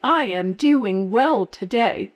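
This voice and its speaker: A woman speaking through a synthetic computer voice in a flat robotic monotone, each word set out slowly and evenly. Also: medium pitch. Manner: slow, evenly spaced words.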